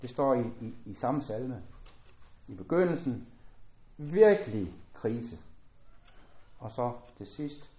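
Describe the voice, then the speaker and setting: A man preaching a sermon as a pastor, earnest and measured, his voice dropping at the ends of phrases. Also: medium pitch, big pitch swings, mellow, reverberant.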